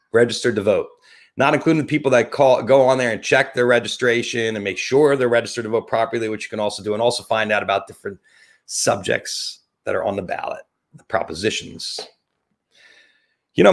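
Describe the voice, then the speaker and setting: With a mid-range voice and a New Jersey accent, this live webcast host improvises a rambling, playful intro that's animated, scattered and full of stops and starts.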